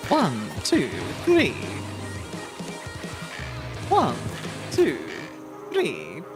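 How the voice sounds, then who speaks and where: A woman's voice: fairly low pitch, huge pitch swings, drawn-out words. A young woman streaming a video game, chatting casually and rambling with fillers and laughs. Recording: game music playing behind.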